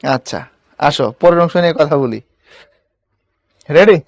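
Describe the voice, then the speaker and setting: A man's voice: fairly high pitch, lively intonation, a little slow, dry recording. A young man teaching an online spelling class, casual and coaxing, often checking whether students understand. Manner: colloquial, coaxing, keeps asking students if it is clear.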